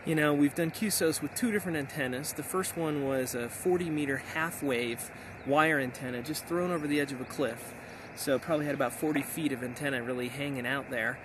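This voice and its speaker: With background noise from the outdoors, a middle-aged American man vlogs from hilly backcountry as an amateur radio operator. His mid-range voice moves fairly quickly with few pauses as he gives a relaxed, enthusiastic recap.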